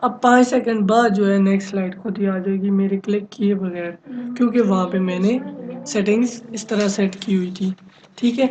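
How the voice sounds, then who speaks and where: Man giving a step-by-step software lesson. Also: high-pitched, a little hiss or hum, poor audio. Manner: step-by-step explaining, keeps asking "okay?"; mixes many English software terms into his talk. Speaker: computer instructor. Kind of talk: screen-recorded software lecture.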